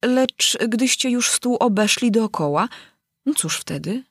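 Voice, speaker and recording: A woman's voice: fairly high pitch, expressive, unhurried, husky, dry recording, studio quality, pitched above the performer's own voice, exaggerated voice. A woman voicing a curious, polite young girl who asks earnest, prim questions in a storybook reading.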